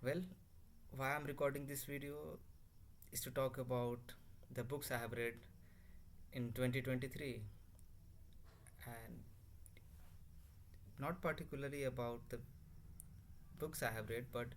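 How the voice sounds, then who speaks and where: This young adult from Bihar, a native Hindi or Bhojpuri speaker, chats unscripted into his laptop for a language-learning vlog, full of fillers and restarts. He speaks in a steady, medium-pitched voice, unhurried and pausing often; the laptop mic picks up faint ambience and a little hiss or hum.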